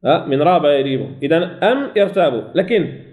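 High-voiced sheikh drilling recitation. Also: male voice, very animated, a little mellow. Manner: explains step by step, asks and answers his own questions; repeats and drills example words slowly. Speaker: sheikh teaching Quran recitation rules. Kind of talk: recorded tajweed lesson.

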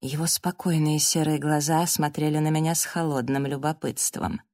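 A woman narrating a first-person audiobook in a steady, dramatic reading. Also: sits low, normal speed, no room sound, clean studio sound.

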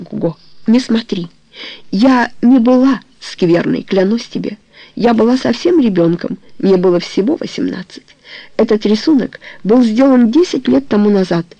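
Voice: medium pitch, expressive, moderate pace, gravelly, mellow, no echo. A reader voicing a young woman who pleads with her lover and confesses her past in a trembling voice. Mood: pleading. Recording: dull lo-fi recording.

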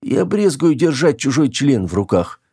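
A man's voice: mid-range voice, big pitch swings, moderate pace, mellow, husky, pitched above the performer's own voice. A man reading an audiobook, voicing a panicked young woman stuck in a man's body, tearful, pleading and close to hysteria. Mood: panicky pleading.

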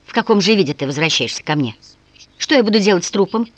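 A woman reading as a peasant wife who wails and scolds in one breath. Her reading is lively and full of rises and falls, recorded dry and close. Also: mid-range voice, fast, no room sound, close to an everyday voice. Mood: lamenting. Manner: lamenting, scolding.

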